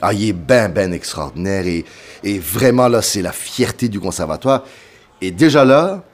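Deep-voiced Quebec storyteller, animated. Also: male voice, moderate pace. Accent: Quebec French. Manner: lively storyteller, voices other people in the story. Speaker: pianist guest. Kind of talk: animated anecdote over a meal.

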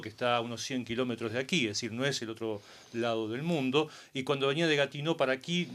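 A man speaking in a measured, reflective way during a panel discussion. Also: medium pitch, a bit bright. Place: Montreal.

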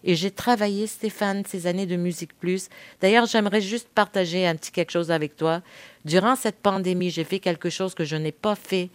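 Female guest, 50s, from Quebec, native Spanish speaker; low, earnest, hesitant delivery, dry close sound. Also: fairly even intonation, brisk, no echo. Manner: earnest, reflective, frequent hesitations with "euh". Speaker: guest, veteran TV host. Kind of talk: candid interview conversation.

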